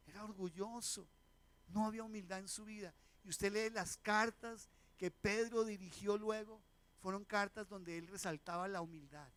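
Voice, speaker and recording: This is a man preaching. His voice sits high for a man. He keeps asking the congregation questions and acts out the people in his anecdotes. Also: a bit bright. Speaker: pastor. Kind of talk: sermon. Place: church sanctuary.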